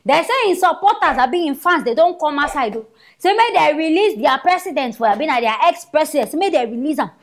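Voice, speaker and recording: A woman's voice: sits high, quick pace. A woman with a Nigerian accent giving casual, scolding commentary as a vlogger. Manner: animated, scolding.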